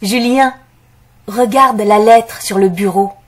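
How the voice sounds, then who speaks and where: A woman playing an excited young student directing friends in a scripted audio story for language learners. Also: mid-range voice, slow.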